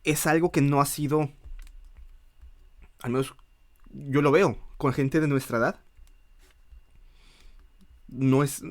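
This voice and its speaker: Speaking slowly with long pauses, this podcast co-host from northern Mexico has a medium-pitched, steady voice and a Mexican accent. In the casual chat he frequently starts his sentences over while thinking aloud.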